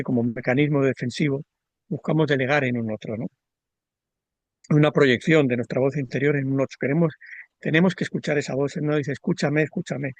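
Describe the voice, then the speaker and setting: Measured man explaining, dry sound. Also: medium pitch, no echo. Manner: measured, repeats words and tags "¿no?". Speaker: astrologer. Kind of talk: reflective explanatory conversation.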